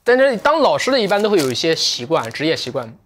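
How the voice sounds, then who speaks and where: A man hosting a livestream, chatting casually in a reflective, joking way, sometimes switching to slow, careful English. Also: a little high, very animated, a bit bright. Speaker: livestream sales host.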